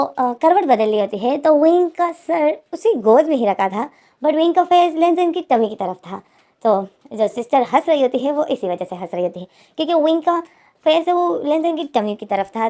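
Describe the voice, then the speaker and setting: A woman's voice: a little high, dark tone. A young woman casually retelling a romance story, stringing clauses together over and over.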